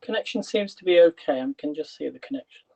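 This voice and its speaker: Quick and lively, a man with a slightly high, gravelly, dark voice runs a chatty kitchen livestream despite losing his voice. He wanders off topic and restarts questions meant for his viewers, all in dull lo-fi livestream sound.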